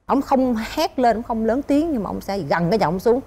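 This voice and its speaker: A woman in her thirties with a Southern Vietnamese accent, a guest on a TV talk show, telling a story in an animated way and acting out what others said. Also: fairly high pitch, moderate pace, husky. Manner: animated, acts out quoted lines, laughs while telling. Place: TV studio.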